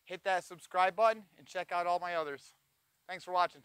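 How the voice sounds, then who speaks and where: A man's voice: sits high, steady tone, fairly quick, fairly bright tone, smooth, dry recording. A man in his forties giving an enthusiastic walkaround tour of a camping trailer, recorded on a lapel mic. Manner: enthusiastic, pointing things out as he walks. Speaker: trailer reviewer. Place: inside and around a cargo trailer on an outdoor lot.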